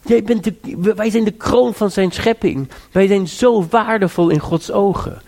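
A man's voice: sits high, a little slow, darkish tone. A man preaching a sermon, earnest and exhorting, repeating phrases and rising to urge listeners.

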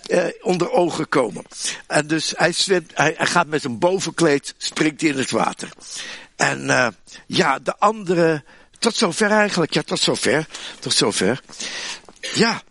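A man preaching a sermon in a chatty, humorous way, with asides to the listeners, animated and with many restarts. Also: a little high, measured pace, no room sound. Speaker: pastor.

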